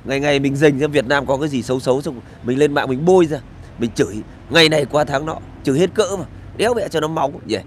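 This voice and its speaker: This middle-aged vlogger talks fast in a voice on the high side, with slight background noise, as he rants outdoors on a street. The casual rant is sarcastic and crude, rambling along with swearing.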